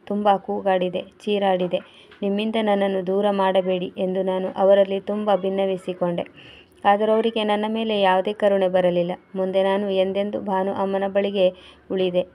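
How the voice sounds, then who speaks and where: A woman reading as grieving Bhavani, plaintive and flat. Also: medium pitch, natural voice. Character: grieving transgender woman telling her past.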